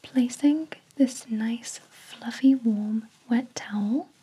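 A woman whispering gently as a spa therapist, her voice airy and breathy all the way through. She speaks slowly and soothingly, a touch higher in pitch, with a mellow, soft edge to every word. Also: poor audio. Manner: soft, soothing, slow and attentive. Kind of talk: whispered ASMR roleplay.

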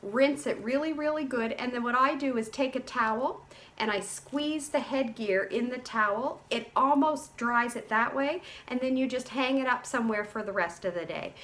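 A woman's voice: a little high, normal speed, fairly bright tone. A woman in her forties, a sleep clinic educator, giving a casual, practical how-to demonstration from a small room, repeating key points for emphasis. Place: small indoor room, seated at desk.

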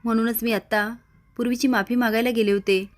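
A woman's voice: a little high, steady tone, a little fast, close to an everyday voice. Woman reading as a stern grown woman. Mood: earnest. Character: proud unmarried woman, stern then apologetic.

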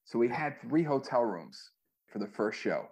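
A man's voice: mid-range voice, expressive, normal speed, gravelly, darkish tone, breathy edge. A man, a former music manager, telling stories in a casual interview, loose and profane with lots of fillers. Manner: loose, profane storytelling with many fillers and acted quotes.

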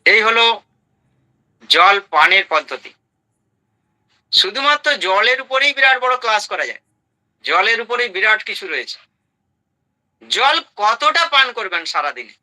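A man's voice: sits high, big pitch swings, unhurried, long pauses, pushed and bright, poor audio. A man giving a health talk to an audience, emphatic, listing items in short bursts and asking rhetorical questions. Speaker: health speaker.

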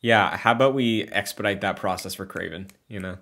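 A man's voice: on the low side, fairly quick, creaky, fairly bright tone. A young man co-hosting a podcast, talking in a chatty, wry way. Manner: chatty and wry, often laughing. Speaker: podcast co-host. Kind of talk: casual chat.

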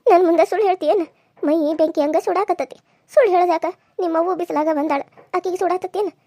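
A woman's voice: sits high, steady tone, fast, dark tone, no room sound. A woman voicing a frail old village grandmother in a cartoon serial, with a lamenting, reproachful way of talking. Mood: scolding.

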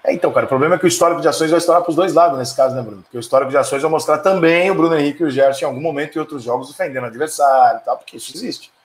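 A middle-aged Brazilian man talks fast and fiery on a live stream, swearing freely as he reacts to viewer comments. His voice sits a bit high for a man. The room around him is echoey and bare. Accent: Brazilian Portuguese. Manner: profane, fiery, quick to anger and rant. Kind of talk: casual heated live chat.

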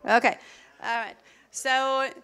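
Her voice is high-pitched, smooth, pushed and bright, held in a steady tone. A native German speaker, she presents a chatty workshop to teachers at a conference in a large lecture hall, quizzing listeners quickly and laughing in asides between points.

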